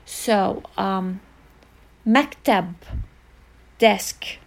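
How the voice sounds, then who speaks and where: A woman tutoring Arabic in a casual online lesson, explaining slowly with repetition and frequent fillers. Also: mid-range voice, vocal fry. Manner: slow, repetitive teaching with many fillers.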